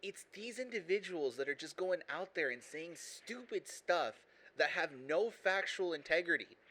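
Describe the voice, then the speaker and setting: A man's voice: high-pitched, lively intonation, normal speed, sharp tone, rough recording. A man hosting a casual podcast chat, talking emphatically and pressing his points. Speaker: podcast host.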